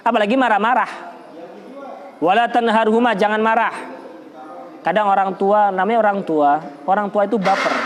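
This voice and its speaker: Speaking casually and conversationally, a male Islamic teacher with a strikingly high voice recites Arabic verses and then unpacks their meaning. He returns to points to stress them and frequently trips and starts over.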